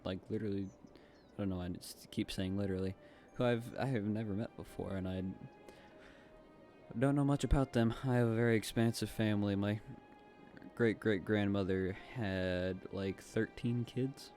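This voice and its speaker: Talking loosely over his gameplay, a young man with a light Southern accent from the U.S. Southeast keeps up a chatty stream of fillers and asides for his YouTube gaming audience. He speaks at a normal speed in a lowish, slightly mellow voice with fairly even intonation. Faint music sits in the background.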